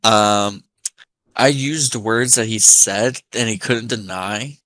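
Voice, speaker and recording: American guy w a bit of appalachian, kinda low voice, rambling and swearing thru a story. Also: slow pace, sharp tone, no room sound. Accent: American, slightly Appalachian. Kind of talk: casual chat, telling anecdotes.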